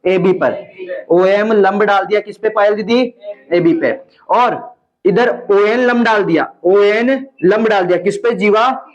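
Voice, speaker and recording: A man's voice: sits high, slow pace. A man teaching a maths class, mixing the lesson with teasing jokes to his students. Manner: joking asides to students, teasing banter. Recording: dull lo-fi classroom recording.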